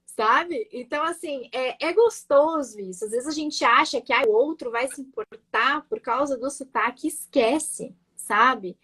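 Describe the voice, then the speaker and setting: A woman's voice: high voice, unhurried, pushed and bright, slightly rough. A woman from Rio Grande do Sul with a blended gaúcho and Florianópolis accent, chatting as a guest in an interview and often tagging sentences with "né?" and "sabe?". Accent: mixed southern Brazilian, gaúcho and Florianópolis. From Rio Grande do Sul, Brazil. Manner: talkative, repeats words, frequent "né?" and "sabe?". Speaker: guest, nurse marketing creator. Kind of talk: casual interview chat.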